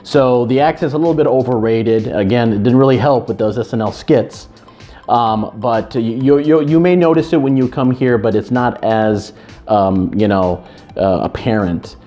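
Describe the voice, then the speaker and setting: A man's voice: medium pitch, moderate pace, warm tone. A man from Chicago, a real estate agent, talking earnestly to camera and often restarting his sentences. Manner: earnest, with frequent restarts and repeated words. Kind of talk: casual to-camera talk. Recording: slightly dull lo-fi sound with faint music.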